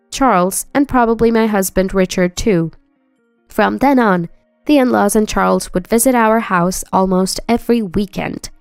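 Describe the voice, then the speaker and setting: A woman narrating a first-person story in an even, storytelling delivery. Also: mid-range voice, clear, resonant tone, no room sound, studio quality.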